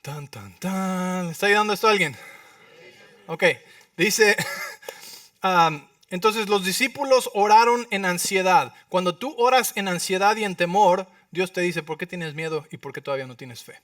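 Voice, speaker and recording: A male pastor preaching a sermon, acting out prayers and dialogue with sudden loud outbursts and often asking the congregation questions. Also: high-pitched, measured pace, dry recording, clean studio sound, far from the mic. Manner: asks the congregation for agreement with frequent rhetorical questions. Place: church.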